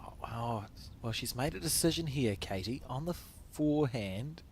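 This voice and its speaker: Male sports commentator, New Zealand accent, mid pitch, relaxed banter. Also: normal speed, slight background noise. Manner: chatty, light-hearted banter.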